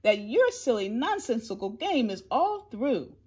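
Woman as a scolding kangaroo, haughty, pompous, snappish, high-pitched, swooping, storybook. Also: very animated, a little slow, a little mellow, breathy edge, exaggerated voice.

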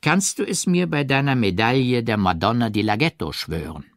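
A jealous gentleman lover in a storybook, insistent and falsely gentle, his voice raised and lively, as a male narrator plays him. He presses his point steadily in a dry, close sound. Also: medium pitch, normal speed, no room sound, lightly acted. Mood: pressing.

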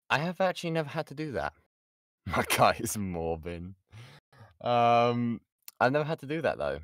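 Close to the mic and free of room sound, a medium-pitched British man holds an informal voice-acting lesson on an online call where the audience asks questions. His manner is chatty and jokey, and he often stops himself mid-sentence.

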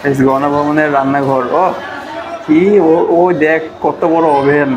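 A man's voice: on the high side, flat delivery, measured pace, lo-fi sound, over a noisy crowd. Young man joking over clips. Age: young adult. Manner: mocking, chatty asides to viewers. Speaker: reaction video host. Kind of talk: casual comic commentary. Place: indoors against a plain pink backdrop.

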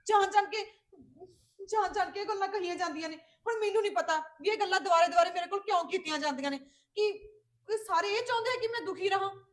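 A woman's voice: extremely high pitch, fast talker, echoey room. A woman with a Punjabi accent playing a hurt young sister who pleads and questions indignantly. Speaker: actress in a Punjabi web drama.

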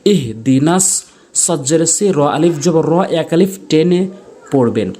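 A man with a Bangladeshi Bengali accent teaching Quran recitation, spelling out each letter and vowel mark and then drawing the words out in a slow chant. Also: a little high, animated, dark tone. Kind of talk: spoken tajweed lesson.

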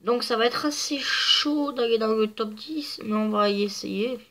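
A woman's voice: fairly high pitch, measured pace, fairly bright tone. A woman with a stuffy, nasal voice from a cold, chatting casually through gameplay commentary with lots of fillers. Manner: chatty, rambling, many fillers. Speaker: gaming video creator.

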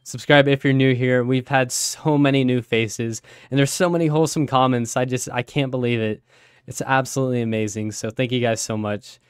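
Male gaming host, mid-range voice, hoarse and fading; casual play-by-play, dry recording. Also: medium pitch, fairly even intonation, a little fast, no room sound. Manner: chatty, easily surprised exclamations. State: raspy, voice giving out. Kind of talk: casual Let's Play commentary.

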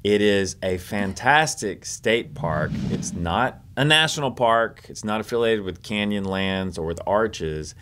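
Low-voiced man giving dry travel tips. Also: animated, a little slow, hardly any pauses, fairly bright tone, slight background noise. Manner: dry, wry humor. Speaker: travel vlog co-host. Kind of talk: scripted commentary with co-host.

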